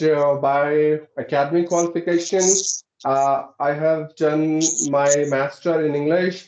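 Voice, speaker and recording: A man from Uttarakhand, India, with a voice on the high side and a dark tone, politely explains things in a conversation practice call for his English-teaching channel. He says "right?" a lot. The recording sounds echoey, dull and lo-fi.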